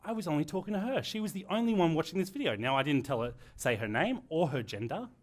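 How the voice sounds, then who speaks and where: Animated man leading a workshop. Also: a little high, quick pace. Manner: energetic, animated, joking. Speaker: workshop presenter. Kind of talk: live workshop lesson. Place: workshop room with an audience.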